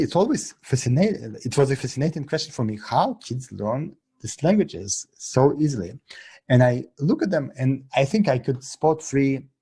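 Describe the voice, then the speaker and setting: A middle-aged man born in Russia and raised in Israel, a guest talking casually in halting English full of restarts. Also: medium pitch, gravelly, dark tone, husky. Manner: halting non-native English with many restarts. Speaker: podcast guest, app co-founder. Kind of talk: casual interview talk.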